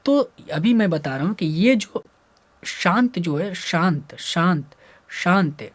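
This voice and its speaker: A man's voice: expressive, unhurried. A man teaching Hindi grammar to school students, repeating letter sounds aloud and asking and then answering his own questions. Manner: jumps between loud drilled syllables and low muttering. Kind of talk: explaining lesson to students.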